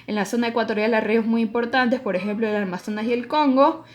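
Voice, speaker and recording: A woman's voice: on the high side, fast. Woman teacher giving an emphatic lesson. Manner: explanatory, emphatic on key rules. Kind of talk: recorded online class lecture.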